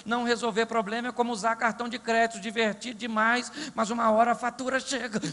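A man preaches a comic, animated sermon and keeps asking rhetorical questions. His voice sits high, with a bright, gravelly edge. Long reverb rings through the hall behind him. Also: fast talker, slight background noise. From Brazil. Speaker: pastor.

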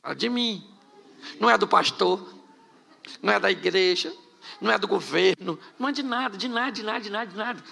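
A man's voice: high voice, brisk, vocal fry, pauses often, sharp tone, a little hiss or hum. A middle-aged Brazilian man preaching a sermon as pastor, firing off rhetorical questions and joking asides.

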